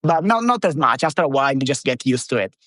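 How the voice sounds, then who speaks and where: In clean studio sound with no echo, an Italian man in his thirties talks as a podcast guest with an Italian accent. His medium-pitched voice is sing-song, quick and fairly bright, and his casual interview chat rambles loosely with lots of fillers.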